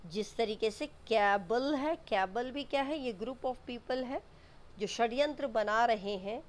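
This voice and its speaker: Woman teaching vocabulary, patient and repetitive. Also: a little high. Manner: explains each word slowly, repeating and spelling terms; mixes Hindi explanations with English definitions. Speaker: English teacher. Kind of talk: exam vocabulary lesson.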